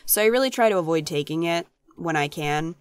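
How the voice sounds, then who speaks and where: A gaming channel host with a low, expressive, slightly fast voice gives casual, chatty let's play commentary. Her voice is phlegmy and congested, her mood one of playful exasperation, and video game music plays underneath.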